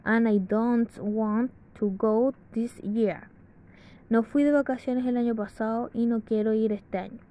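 A woman reading an English grammar lesson aloud from a textbook, slowly and carefully with pauses. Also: a little high, fairly even intonation, dark tone. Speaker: English teacher. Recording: dull lo-fi sound.

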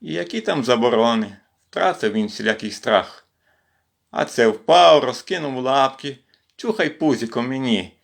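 A man from western Ukraine reading poems aloud in an expressive recitation during a home livestream. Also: mid-range voice, a little slow, vocal fry. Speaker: poetry reader in a volunteer series. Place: at home with his cat.

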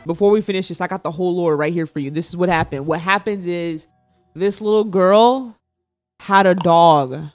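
A young man's voice sits high and moves at normal speed as he does casual reaction commentary, playfully teasing chat in slangy language. He streams from an indoor room with faint music behind him.

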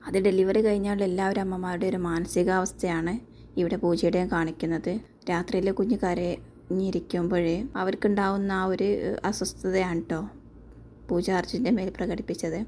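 A woman's voice: on the low side, level tone, normal speed, dark tone, slight background noise. A woman casually retelling a TV serial episode in a chatty, conversational storytelling manner. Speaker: serial recap host.

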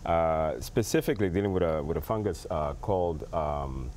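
A man's voice: rumbling low, animated, normal speed, a little mellow, a little hiss or hum. A man in his thirties hosting a TV studio interview, asking friendly questions with many hesitations, on a lapel mic. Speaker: TV show host.

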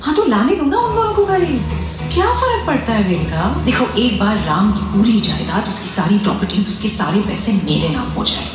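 An actress with an Indian accent playing a scheming, greedy, scornful villainess in a TV soap. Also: female voice, medium pitch, very animated, rapid-fire, far from the mic, close to an everyday voice. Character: scheming, greedy, callous woman villain in TV melodrama. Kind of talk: television soap acting. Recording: echoey hall playback, music underneath.

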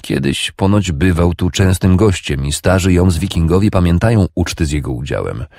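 A man narrating an audiobook in a steady, even reading voice. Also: low-pitched, normal speed, dry recording, clean studio sound.

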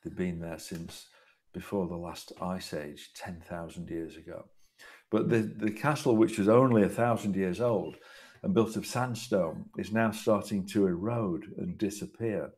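Man, very low voice, reflective talker who rambles with restarts, on a video call. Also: fairly even intonation, unhurried, darkish tone. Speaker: host, artist. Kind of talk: casual discussion on a video call.

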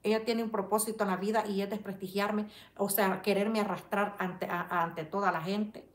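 A woman with a mid-range voice speaks steadily at a normal pace in a roomy-sounding space, hosting a casual live-stream chat where she reads viewers' comments. Indignant, she defends herself and speaks directly to a rival, using religious phrasing and praying for her audience.

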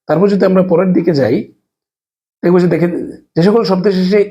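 Gravelly Bangladeshi man teaching a lesson. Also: high-pitched, dark tone. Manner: explains slowly, spells out letters, frequent fillers. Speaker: language teacher. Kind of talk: casual spoken lesson.

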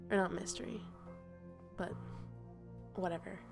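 A woman's voice: fairly low pitch, steady tone, a little slow, gravelly, over music. Playful woman streamer whispering asides. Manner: playful, drops to soft whispers. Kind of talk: let's play commentary.

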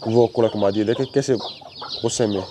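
A hoarse man, a poultry breeder chatting casually through a walkthrough and coaxing his birds. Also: lowish voice, steady tone, normal speed. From Pakistan. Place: outdoor yard by chicken cages. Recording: noisy outdoor recording with chickens. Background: clucking chickens.

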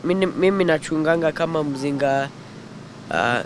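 A man's voice: fairly high pitch, moderate pace. A fourteen-year-old boy, casually explaining beekeeping and mixing Swahili and English. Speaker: young beekeeper being interviewed. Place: outdoors in a leafy garden. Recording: outdoor field recording with clear background noise.

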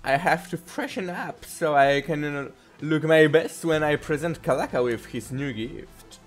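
A man's voice: fairly high pitch, measured pace, faint music behind, lightly acted. A man voicing a villainous woman who taunts a trapped hero, reading game dialogue aloud. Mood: taunting. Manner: taunting, mocking.

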